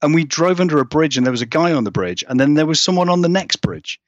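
A horror writer, appearing as an interview guest, chats casually in a rambling, self-deprecating way. His voice is a little high and he talks fast. The recording is dry and lo-fi.

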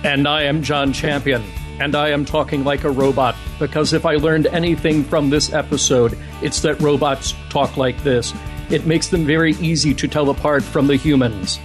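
A podcast co-host putting on a monotone robot voice as a joke. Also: male voice, fairly high pitch, normal speed, faint music behind, lightly acted. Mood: mock robotic. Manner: talking like a robot on purpose. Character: stiff monotone male robot. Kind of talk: casual podcast chat.

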